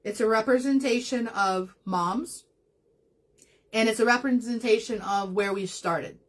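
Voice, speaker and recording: A chatty woman hosts a craft livestream, talking to her viewers in a casual, rambling way as she works. Her voice sits a little high, and she slips into laughter and emotion easily. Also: unhurried.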